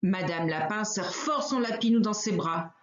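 A woman reading a children's story aloud, expressive and unhurried. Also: mid-range voice. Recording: roomy, slightly dull recording.

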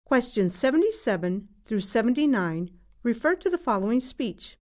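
A woman's voice: fairly high pitch, sing-song, moderate pace, darkish tone. A woman test narrator reading numbered exam questions as scripted narration.

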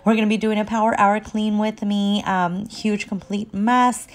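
Despite a sore throat and a stuffy, sniffly nose, this young woman stays upbeat and chatty while cleaning her kitchen, often breaking into laughter as she talks to her viewers. She's a mom and cleaning vlogger. She speaks at an ordinary pace in a mid-range voice with little inflection.

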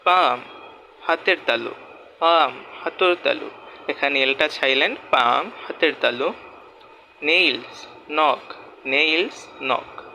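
A man teaching a vocabulary lesson, saying each word and its meaning twice in a slow, repeating way. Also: fairly high pitch, bright, forceful tone, a little hiss or hum, low-quality recording.

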